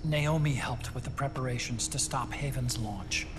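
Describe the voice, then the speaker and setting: An actor playing an earnest, thoughtful technical expert in a video game, explaining things in a scripted briefing. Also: male voice, mid-range voice, normal speed, over music, close to an everyday voice. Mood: somber, earnest.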